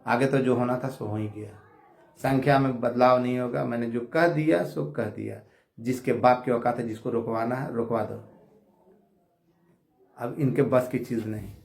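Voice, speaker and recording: A man giving a heated monologue from his home prayer room, combative, insulting his rivals and swinging between shouting and low muttering. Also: fairly even intonation, moderate pace, vocal fry, roomy sound. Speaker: online commentator appealing to viewers.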